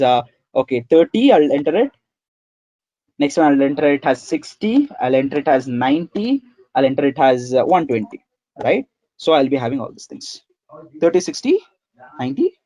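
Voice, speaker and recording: A programming instructor records a screen-captured coding tutorial, talking through each line of code as he types. His voice is fairly high and darkish, with no room sound, and he repeats himself a lot and addresses viewers as "guys" and "sir".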